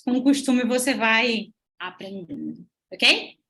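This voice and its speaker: Lively woman teaching English. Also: fairly high pitch, slow pace, vocal fry. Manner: lively, checks in with the class often. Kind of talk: online English class, mixing Portuguese and English.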